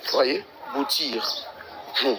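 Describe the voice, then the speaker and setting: A man's voice: medium pitch, slow pace, a crowd in the background, noisy background. A man out of breath, walking residential streets outdoors and talking to his livestream viewers in an exasperated, repetitive way. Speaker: livestream vlogger.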